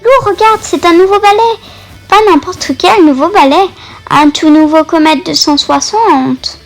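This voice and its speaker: Bragging teen witch, high and bright-voiced, read by a woman playing a game. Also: unhurried, soft background music. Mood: boastful.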